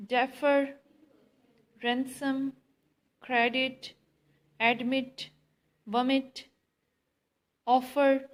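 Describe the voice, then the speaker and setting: A woman teacher with an Indian English accent, giving a grammar lesson in a slow, deliberate way, quizzing students and repeating answers. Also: sits high. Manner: mixes Hindi and English.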